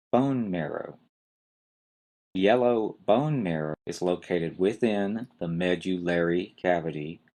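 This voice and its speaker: In his medical terminology podcast, a man with a deep, slightly mellow voice spells every term out letter by letter. He stresses syllables carefully, showing where the emphasis lands, in a slow, spelled-out lesson.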